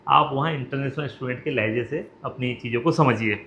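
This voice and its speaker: A man's voice: medium pitch, fairly quick, a bit bright. A man explaining things directly to students and parents, asking common questions and answering them plainly. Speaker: education consultant. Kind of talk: explanatory talk to camera. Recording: roomy, dull lo-fi sound with faint hiss.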